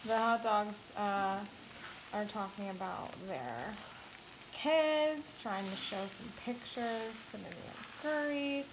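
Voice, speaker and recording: A woman's voice: medium pitch, a little slow. A young woman chatting playfully as she cooks, rambling into silly asides about her food. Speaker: cooking vlogger. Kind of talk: casual cooking chat. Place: home kitchen. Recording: noisy kitchen with sizzling pan.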